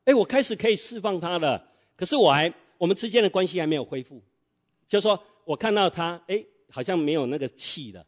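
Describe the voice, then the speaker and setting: A man's voice: sits high, lively intonation, a little fast. A middle-aged man preaching a sermon in church, telling a story and quizzing the congregation with fill-in-the-blank questions.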